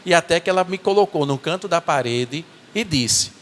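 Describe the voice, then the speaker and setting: A man's voice: fairly high pitch, lively intonation, fairly bright tone, a little hiss or hum. Man playing a rueful biblical strongman in a church monologue: earnest, stumbling repeats, reverberant sanctuary sound. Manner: earnest, halting storytelling with repeated words. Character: biblical strongman, remorseful, telling his own fall. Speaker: church performer. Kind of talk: first-person dramatic monologue in church. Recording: echoey church hall.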